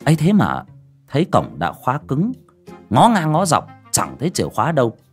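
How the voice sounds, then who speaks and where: Brief: male story narrator, very animated delivery, mid-pitched voice, faint music underneath. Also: brisk. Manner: vivid expressive storytelling.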